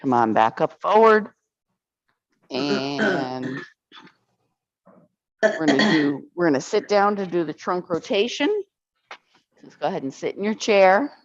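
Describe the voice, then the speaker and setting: A woman with a slightly low voice guides an arthritis exercise class, counting each rep aloud and encouraging everyone along. The recording sounds dull and lo-fi, with a dry, close feel. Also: big pitch swings, a little slow, pauses often, no room sound.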